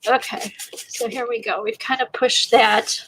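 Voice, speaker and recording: A woman with a slightly high, fairly even voice talks a little slowly over background noise, sounding congested and stuffy from a sinus infection. Hosting an art livestream, she demonstrates a craft technique in a casual, rambling way, thinking aloud as she works.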